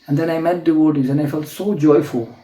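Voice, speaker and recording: Laughing, animated male spiritual teacher. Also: fairly high pitch, fairly quick. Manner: laughs often while telling stories; animated, acts out voices in his stories. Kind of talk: storytelling sermon. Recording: echoey lecture hall.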